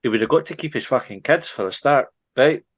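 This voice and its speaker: A man's voice: medium pitch, expressive, a little fast, no room sound. A Scottish man co-hosting a comedy podcast, chatting casually with lots of swearing and rambling asides. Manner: sweary, rambling, easily breaks into laughter. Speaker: podcast co-host.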